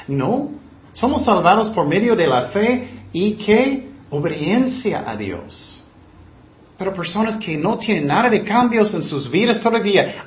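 High-voiced man preaching in an echoey room. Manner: preaching with mocking quoted voices. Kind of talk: sermon. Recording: echoey room, dull lo-fi sound.

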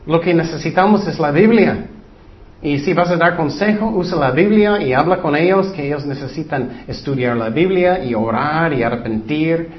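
A man's voice: a little high, normal speed. A man, a pastor, giving informal Bible teaching in an earnest, conversational way with frequent asides. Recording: dull lo-fi recording.

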